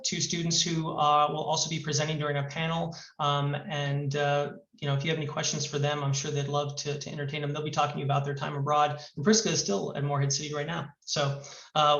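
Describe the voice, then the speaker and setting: A study abroad advisor gives a webinar full of filler words, his voice a little high, fairly bright, and edged with vocal fry. He sounds hollow and boxy, as though inside a fishbowl, because he's in a new room with a hard echo and the muffled mic sits distant and echoey.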